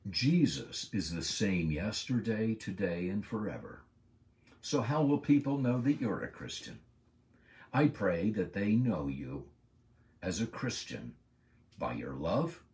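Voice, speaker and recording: Man preaching a bible lesson, low voice, sits kinda far from the mic. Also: darkish tone. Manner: emphatic preaching, stressing key words slowly. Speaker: Bible teacher. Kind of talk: sermon-style Bible lesson.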